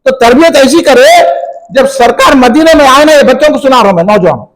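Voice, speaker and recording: In what sounds like a function hall at a religious gathering, a male preacher with a very high voice for a man delivers a fiery, impassioned sermon. Speaking fairly quickly, he fires questions at the crowd and climbs into shouts.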